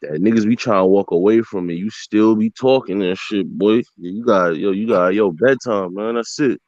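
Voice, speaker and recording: A man's voice: on the low side, normal speed, a little mellow, no room sound, highs cut off. A man with a Brooklyn accent bantering casually in street slang, teasing and repeating himself as he cuts in. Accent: Brooklyn, New York. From Brooklyn, New York, USA. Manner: repetitive, teasing, interjecting.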